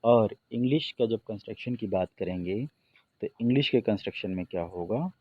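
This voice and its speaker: A man teaching an English grammar lesson in Hindi, reading the English example sentences slowly and deliberately. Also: on the low side, dry recording, highs cut off.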